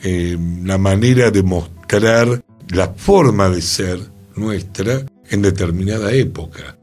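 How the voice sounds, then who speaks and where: In a radio studio, an Argentine man with a Rioplatense Spanish accent muses aloud on a talk show, thoughtful and questioning in a reflective conversation. His voice is on the low side and darkish in tone, moving at a slow pace over faint background music.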